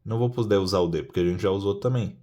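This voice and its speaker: A man's voice: fairly low pitch, rapid-fire, mellow. A man explaining a puzzle-cube method step by step in a casual hands-on tutorial, often asking rhetorical questions.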